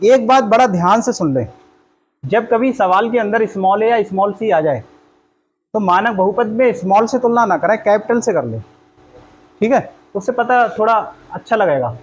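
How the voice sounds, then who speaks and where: A man's voice: high voice, animated, normal speed, a little hiss or hum, rough recording. A man teaching a math lesson in a classroom, walking through each step aloud and quizzing the class with questions.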